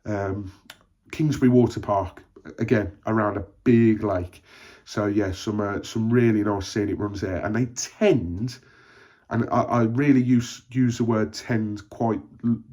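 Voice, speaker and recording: Chatty Birmingham man, low voice. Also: steady tone, measured pace, dark tone, muffled recording. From Birmingham, England. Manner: chatty and encouraging, frequent ums and uhs. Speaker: running vlogger. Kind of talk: casual vlog talk to camera.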